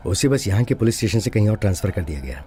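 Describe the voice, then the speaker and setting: A man's voice: lowish voice, lively intonation, rapid-fire, mellow, slight background noise, lightly acted. An actor dubbing an aging, honest policeman and bitter widower, mournful and deferential, his voice breaking with tears. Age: older. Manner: mournful, deferential, repeats "sir". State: tearful, voice breaking. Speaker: suspended police officer. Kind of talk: dubbed film dialogue.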